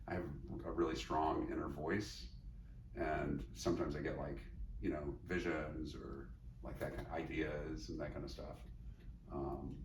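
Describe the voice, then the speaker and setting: Sitting back from the mic in a roomy, echoey space, a middle-aged man with a very low voice is a guest on a podcast, where he works as a psychologist and teacher. The conversation is reflective, and he meanders thoughtfully with many fillers and restarts, while faint noise lingers.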